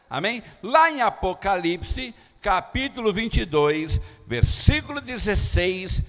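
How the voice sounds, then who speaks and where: A Brazilian man preaching, his voice sitting high and swooping widely as he calls to the congregation. He takes his time, drawing words out slowly. The sound carries a long church-hall reverb. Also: a bit bright. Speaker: pastor. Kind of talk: sermon.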